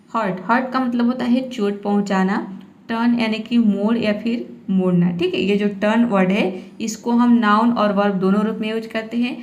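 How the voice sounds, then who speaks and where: A woman's voice: medium pitch, darkish tone, dull audio. A woman teaching English pronunciation in Hindi, explaining rules patiently and repeating each word. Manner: patient, repeats words and checks with "theek hai".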